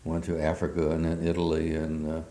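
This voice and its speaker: An older man recalling his wartime past in an oral history interview, speaking haltingly with many fillers. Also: extremely low pitch, monotone, warm tone. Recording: roomy echo.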